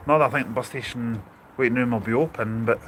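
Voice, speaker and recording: A man's voice: mid-range voice, fast talker, a crowd in the background. A man hosting an outdoor live stream, chatting casually and easygoingly with a friend and his viewers. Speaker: host of a travel live stream.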